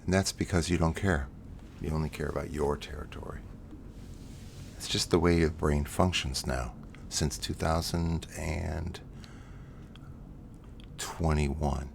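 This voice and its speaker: A man telling a rambling, soft-spoken sci-fi story on a live stream in a self-described ASMR style, often correcting himself and now and then getting loud. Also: rumbling low, fairly even intonation, a little slow, creaky, long pauses, slight background noise. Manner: rambling, restarts and corrects himself, mostly quiet with loud bursts.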